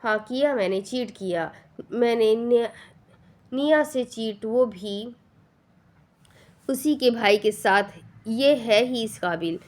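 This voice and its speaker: A woman's voice: mid-range voice, natural voice. Woman doing a furious indignant mother. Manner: shouting, indignant. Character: furious mother of three, confronted and cornered.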